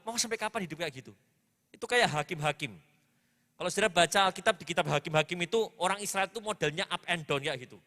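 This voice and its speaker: A man preaching a sermon in a church, emphatic and repetitive, rising to loud swells between quieter asides. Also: extremely high pitch. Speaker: pastor. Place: church hall. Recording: long hall reverb.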